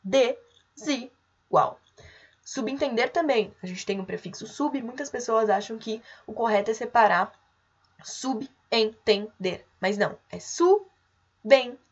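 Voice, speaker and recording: A young adult woman teaching an online grammar lesson, explaining patiently and clearly and calling out example words. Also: a little high, a little fast, hardly any pauses, muffled recording.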